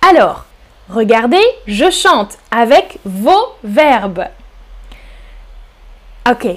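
A woman teaches French on a live stream in a high, light voice. She speaks slowly and clearly for her learners and now and then sings lines of a song to them. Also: big pitch swings. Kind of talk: live-streamed language lesson.

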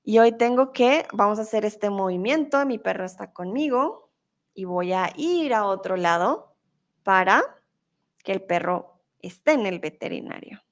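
A woman's voice: medium pitch, animated, a little slow. A young woman teaching a live online Spanish lesson, reading out viewers' comments with patient encouragement and frequent laughter.

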